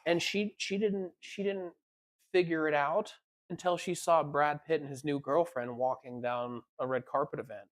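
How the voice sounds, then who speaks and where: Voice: mid-range voice, steady tone, normal speed. A podcast co-host in casual chat, telling long rambling stories and slipping into quoted voices.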